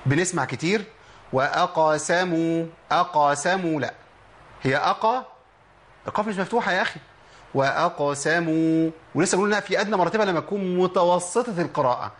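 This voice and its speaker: A man with an Egyptian accent giving a spoken tajweed lesson, explaining and then slowly drilling sounds, asking questions and answering them himself. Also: high voice, a bit bright, slight background noise. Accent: Egyptian Arabic. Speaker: Quran recitation teacher.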